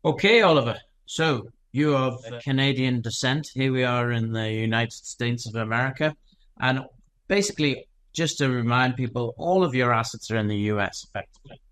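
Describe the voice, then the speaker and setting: A man's voice: medium pitch, moderate pace, a bit bright. A British man co-hosting a podcast interview, asking questions and teasing the guest. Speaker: podcast co-host.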